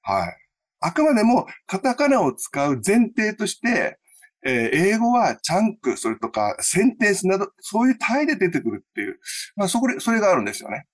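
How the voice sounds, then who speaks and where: Lively, explanatory male English teacher. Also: high-pitched, brisk. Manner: lively, explanatory, many fillers. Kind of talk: explaining to an interviewer.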